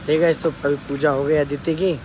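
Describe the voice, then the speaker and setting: A man's voice: on the high side, flat delivery, fairly quick, a little mellow, a little hiss or hum. A man filming a casual family vlog as a father, coaxing and soothing a small child.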